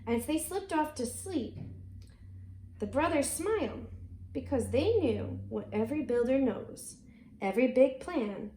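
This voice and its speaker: An American woman with a high voice reads aloud to children in an expressive storybook manner, pausing for chatty asides aimed straight at her young listeners. She takes her time, and there's a slight hiss or hum in the recording.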